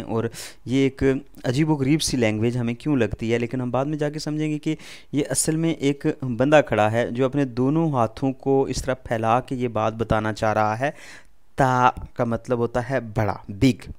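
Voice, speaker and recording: This language teacher speaks with an Urdu accent at an ordinary middle pitch, his tone a little mellow, clear and resonant. Slow and patient, he runs a first beginner lesson, repeating each word and posing questions to the listener before answering them himself.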